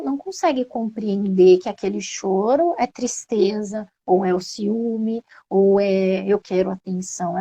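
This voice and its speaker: A woman talks through parenting advice on a phone live stream. Her voice sits at a middle pitch for a woman, and she stays patient and reassuring. She keeps asking her listeners rhetorical questions as she explains. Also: warm tone, dull audio. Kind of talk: informal explanatory talk on an Instagram live. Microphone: phone on a social media live stream.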